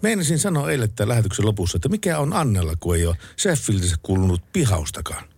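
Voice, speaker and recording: A male late-night radio co-host with a very deep, gravelly and slightly husky voice, recorded dry and close in a studio. His pitch swings widely. He banters with his partner and reads listener texts with mock emphasis. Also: big pitch swings, a little mellow, no room sound. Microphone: studio microphone.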